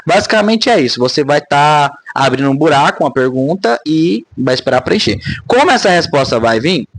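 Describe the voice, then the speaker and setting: A man's voice: fairly high pitch, sing-song, brisk, no echo. Rambling man, dry close sound. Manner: rambling, tag questions, many restarts. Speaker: spiritual vlogger. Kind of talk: casual monologue to camera.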